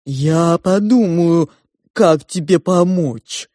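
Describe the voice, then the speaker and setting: Woman doing a pompous two-headed pig lady, very slow drawl, dark mellow tone, dry close sound. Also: lowish voice, no room sound. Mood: ponderous. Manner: slow, ponderous, drawn-out speech. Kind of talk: audiobook character voice.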